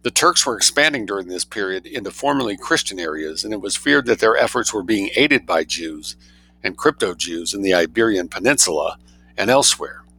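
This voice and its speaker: A man with a lowish, bright and forceful voice reads a scholarly book aloud as though dictating it, voicing every citation, quote mark and spelling. His intonation is lively and his pace brisk, though the recording is rough.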